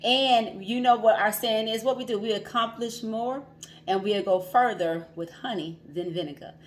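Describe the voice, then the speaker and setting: A woman's voice: a little high, moderate pace, a little hiss or hum. A woman hosting a casual livestream as a financial coach, chatty, laughing often and repeating herself.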